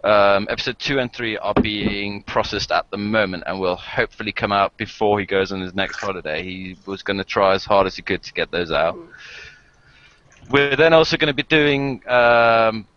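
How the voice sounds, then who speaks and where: A man's voice: on the low side, moderate pace, a bit bright, a little hiss or hum. A man with an English accent hosting a casual group video call, rambling with many fillers and frequent laughs. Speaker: channel host. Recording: dull lo-fi call audio.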